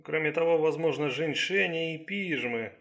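A man reading the lines of a calm middle-aged male Chinese herbal doctor in an audiobook, in a slow, gentle, measured way. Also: on the high side, creaky, muffled recording.

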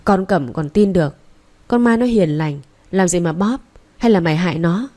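A woman reading aloud voices a gruff older mother-in-law who scolds curtly. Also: fairly low pitch, lively intonation, moderate pace, dark tone. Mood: scolding. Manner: scolding, curt.

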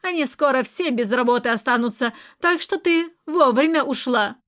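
A sharp-tongued middle-aged aunt, read by a woman in an audiobook, sarcastic and lecturing. The voice sits high. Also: moderate pace. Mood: scornful. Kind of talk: audiobook character reading.

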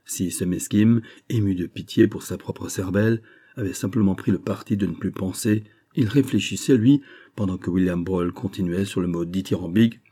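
A man reading a classic adventure novel aloud as an audiobook narrator, measured and even. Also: sits low, slightly rough. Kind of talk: scripted narration.

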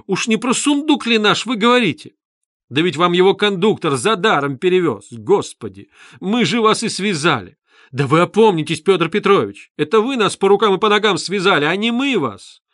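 A man's voice: fairly high pitch, expressive, a little fast, a bit bright, no echo, studio quality. A man voicing a proud, indignant middle-aged mother who scolds shrilly in an audiobook reading. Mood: furious.

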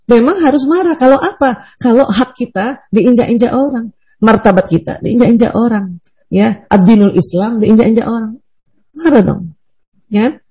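Female preacher, mellow and husky, lively and teasing, seminar talk. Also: on the high side, normal speed. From Bugis heritage, Indonesia. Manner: lively, teasing, laughs often, animated swings. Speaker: Islamic preacher.

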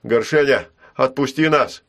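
A man voicing a bold, stubborn young boy who pleads and shouts with urgency. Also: medium pitch, a little slow, voice pushed up. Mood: urgent, pleading.

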